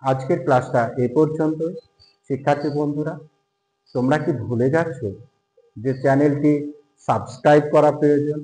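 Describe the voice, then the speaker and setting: A man teaching an English pronunciation lesson. He spells words out letter by letter and repeats each pronunciation slowly. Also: fairly high pitch, steady tone, mellow, roomy sound, slight background noise, low-quality recording. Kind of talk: classroom-style language lesson.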